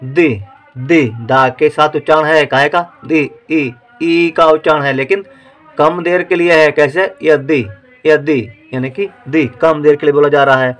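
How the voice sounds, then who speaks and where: A man teaching how to write words, slowly sounding out each syllable and repeating words like dictation. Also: a little high, a bit bright, soft background music. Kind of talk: slow dictation-style writing lesson.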